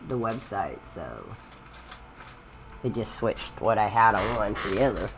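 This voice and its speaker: Over game music and some background noise, a streamer chats informally about games as he plays, wandering from topic to topic. The voice is medium in pitch, unhurried, with a sing-song lilt.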